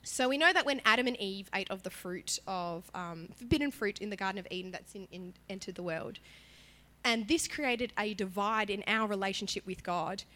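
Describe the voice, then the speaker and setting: A woman worship leader delivers a sermon with prayer in a church, her voice partly lost to illness. She speaks at medium pitch and normal speed, chatty and animated in how she stresses her words.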